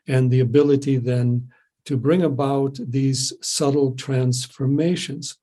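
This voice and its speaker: A man giving a spiritual keynote lecture in a measured, halting way, in short phrases with pauses between them. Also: medium pitch, dark tone. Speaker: keynote speaker.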